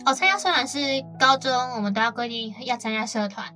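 A woman's voice: fairly high pitch, expressive, fast talker, music in the background. A young woman from Taiwan co-hosting a casual radio chat, telling stories in a chatty way with many fillers. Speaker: co-host.

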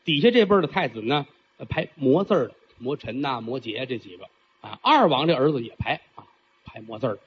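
A man's voice: medium pitch, expressive, a little fast, slight background noise. A man performing traditional storytelling, theatrical and chatty, with frequent asides to the listener. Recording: dull lo-fi recording.

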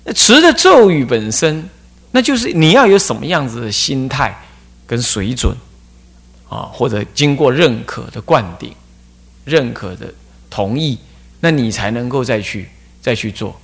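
Abbot teaching dharma, mid-pitched man, animated storyteller. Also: a little slow, husky. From Taiwan. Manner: animated storytelling with rhetorical questions. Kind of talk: Buddhist dharma talk.

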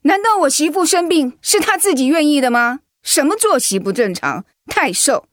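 In a studio-quality radio drama recording with no echo, a woman plays a protective, outspoken, motherly middle-aged mother-in-law. Her high-pitched voice swings widely in pitch at normal speed, and she sounds indignant, turning emphatic when provoked.

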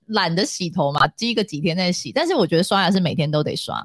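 A woman's voice: fairly low pitch, animated. A woman with a Taiwanese Mandarin accent, co-hosting a casual chat podcast, reading out the questions and then chatting easily. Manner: reads the prompts slowly, then chats and laughs easily.

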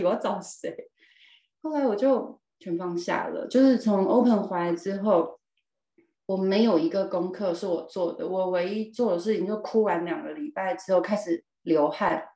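A woman tells her own story as a podcast guest. She speaks expressively, with emphatic repeats and bursts of laughter. Her voice is mellow and a little dark, and it carries a roomy echo. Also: mid-range voice. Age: 40s. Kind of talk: personal storytelling in a podcast interview.

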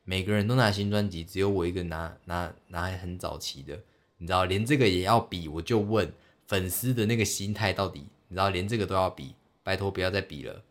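A man's voice: deep voice, a little fast. A young man hosting a solo podcast, telling a story in a rambling, self-mocking way with many fillers. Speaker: podcast host. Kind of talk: solo casual chat.

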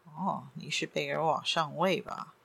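Woman doing a smooth polite banker. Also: low voice, fairly even intonation, measured pace, voice pushed down, full character voice. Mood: polite calm. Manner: soft, courteous, unruffled. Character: calm, polite middle-aged male banker.

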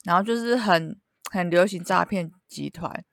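A woman's voice: on the low side, moderate pace, vocal fry, no echo. A woman co-hosting a casual chat podcast, teasing her friend and laughing often. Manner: teasing, jokey, frequent laughter. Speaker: podcast co-host.

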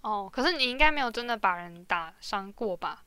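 A woman's voice: medium pitch, expressive, fairly quick, sharp tone, clear, resonant tone, dry recording. A woman hosting a casual podcast. She reacts expressively and asks lots of questions. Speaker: podcast co-host. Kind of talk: casual chat.

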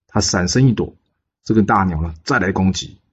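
Deep, husky male storyteller. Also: brisk, lo-fi sound. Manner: chatty, asks the listener questions, fillers 呢. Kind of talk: casual storytelling of a folk legend.

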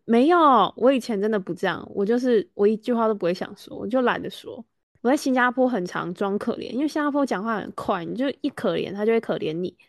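A woman's voice: fairly high pitch, expressive, fast, no room sound, clean studio sound. A woman with a Taiwanese Mandarin accent, co-hosting a casual podcast and complaining in a chatty way. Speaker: podcast co-host. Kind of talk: casual chat.

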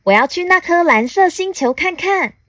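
A little gray alien boy from a picture book, hungry and excitable, yelping his lines in a bright, high voice, as a mother reads him aloud. The sound is dry and close, with no room around it. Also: moderate pace, no echo. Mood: curious. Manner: high, squealing exclamations.

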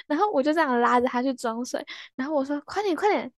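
Fast-talking playful young woman, dry sound. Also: high voice, steady tone, no echo. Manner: playful, teasing, quick storytelling. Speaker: podcast host. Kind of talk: casual chat.

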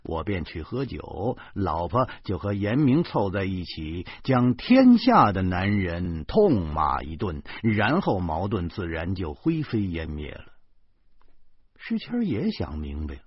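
Slow, very expressive husky male narrator. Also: low voice, dry recording. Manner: dramatic, sarcastic storytelling. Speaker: audiobook narrator. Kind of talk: expressive first-person novel reading. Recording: dull lo-fi, dry sound.

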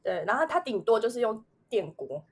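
A woman's voice: on the high side, very animated, a little fast, husky. A woman in her twenties with a Taiwanese Mandarin accent, telling a personal memory in a casual podcast chat, rambling with many fillers. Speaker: podcast co-host.

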